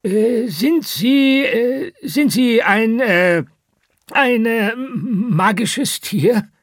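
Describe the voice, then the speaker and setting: A man voicing an eager gentleman shop owner in a children's audiobook, excited and stammering when nervous. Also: high-pitched, moderate pace, husky, no echo, clean studio sound, pitched above the performer's own voice, heavily acted. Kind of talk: audiobook character voice.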